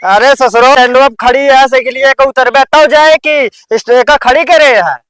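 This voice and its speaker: A man's voice: high-pitched, normal speed, fairly bright tone. A man with an Awadhi accent playing a blunt, scolding village man in an amateur comedy sketch. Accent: Awadhi, eastern Uttar Pradesh.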